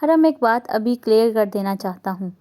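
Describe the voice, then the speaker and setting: A woman's voice: fairly high pitch, lively intonation, dark tone, lightly acted. Woman reading as a tender, teasing young husband. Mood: affectionate.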